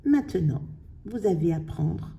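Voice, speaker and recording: A woman teaching a spelling lesson, slowly sounding out syllables and letters for her pupils. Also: on the low side, very animated, gravelly, dark tone, far from the mic. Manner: slow, carefully sounding out syllables.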